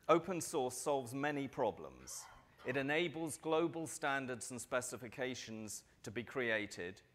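A middle-aged man delivers a prepared keynote from a large conference stage, speaking into a lectern mic. He is measured and steady, with the occasional filler, and his voice is medium in pitch.

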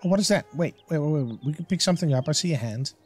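A man's voice: fairly high pitch, lively intonation, fast talker, faint music behind. Chatty man commenting on gameplay. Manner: enthusiastic, chatty, thinks aloud. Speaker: let's play host.

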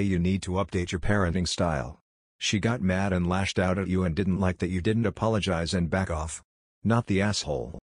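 A man with a very low, slightly husky voice reads text aloud in an even, steady narration. The recording is dry and close, with almost no room sound. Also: no room sound. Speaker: narrator reading comments. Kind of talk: scripted narration.

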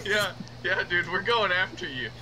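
A man's voice: sits high, normal speed, a crowd in the background, rough recording. A man chatting casually with friends while playing a video game. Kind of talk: casual gaming banter.

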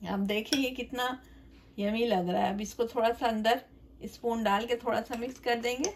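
A woman hosting her own cooking channel, explaining a recipe step by step in a gentle, chatty way, with blessings and greetings to her viewers. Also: a little high, fairly even intonation, moderate pace, slight background noise. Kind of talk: home cooking tutorial voice-over. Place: home kitchen.

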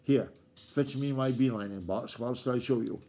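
A snappish old farmer grandfather with a rustic country twang, as a father puts him on reading aloud. His voice is mellow and low-lit rather than bright, and he scolds and hustles in a storybook scene. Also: moderate pace, natural voice. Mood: eager.

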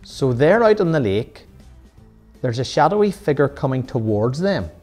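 A man's voice: mid-range voice, very animated, normal speed, dark tone, faint music behind. A man, teaching Sunday school, telling a Bible story to children with chatty asides and questions for his listeners.

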